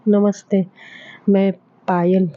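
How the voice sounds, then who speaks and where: A woman voicing a jealous, scheming teenage schoolgirl in a quick, pushy, everyday way, on a dull lo-fi recording. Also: medium pitch, flat delivery, lightly acted.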